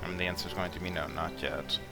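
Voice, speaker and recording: A man's voice: low-pitched, fairly quick, creaky, over music. Laid-back man commenting on a strategy game. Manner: relaxed, blunt, mildly profane asides. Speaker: strategy game guide presenter. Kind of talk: casual gameplay commentary.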